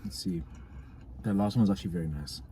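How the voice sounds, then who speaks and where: A man with a fairly low, mellow voice, chatting casually on a podcast. He talks quickly and gives easygoing verdicts on what he tastes. Faint ambient noise sits underneath. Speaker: podcast co-host. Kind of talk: casual chat while tasting food.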